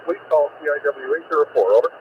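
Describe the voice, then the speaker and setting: A man calling stations on a radio net, heard through a shortwave radio receiver, talking haltingly with many hesitations. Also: fairly high pitch. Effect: voice received over a shortwave radio. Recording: muffled, noisy shortwave radio audio.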